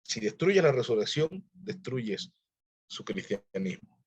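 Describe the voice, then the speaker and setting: A man's voice: lowish voice, lively intonation, a little slow, slightly rough, lo-fi sound. A man teaching a church discipleship class, earnestly exhorting his listeners in a conversational preaching manner.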